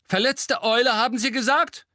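A man voicing a gruff, brisk older witch teacher who smokes a pipe, in an audiobook. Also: very high voice, fairly even intonation, sharp tone, no room sound, studio quality, pitched above the performer's own voice.

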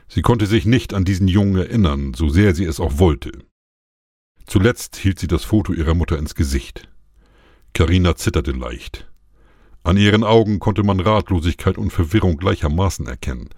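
A man narrating a science-fiction story in a measured, even way. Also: low voice, no echo, clean studio sound. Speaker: audiobook narrator. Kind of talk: scripted narration.

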